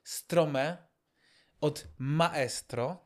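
A man's voice: fairly high pitch, very slow. Hesitant man co-hosting casual chat. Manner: hesitant, many fillers and restarts. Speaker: podcast co-host.

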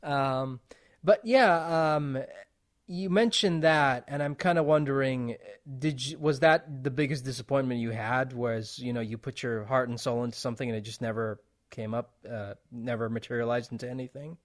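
A man hosts a casual interview, talking in a loose, rambling way. He fills his sentences with "like" and "um" and laughs often. His pitch sits in a medium range for a man. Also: steady tone, moderate pace. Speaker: podcast host, interviewer.

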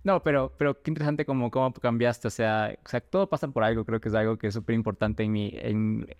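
A man's voice: medium pitch, quick pace, no room sound, dull audio. A man hosting a podcast, chatting casually and rambling through his thoughts with lots of fillers. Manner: relaxed, rambling with many fillers. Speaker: podcast host. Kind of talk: casual interview chat.

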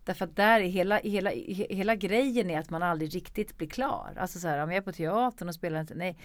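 A woman's voice: fairly low pitch, no echo. A woman actor and producer talking candidly in an interview, emphatic and swearing freely.

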